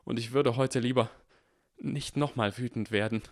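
A man's voice: mid-range voice, fairly even intonation, moderate pace, no room sound, studio quality, pitched above the performer's own voice, close to an everyday voice. A man doing a scared, hesitant young boy. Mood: frightened. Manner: hesitant and quiet. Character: frightened young boy, soft and pleading.

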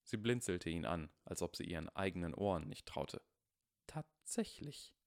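A man calmly narrating a story as an audiobook reader. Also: low voice, fairly quick, creaky, no echo, clean studio sound.

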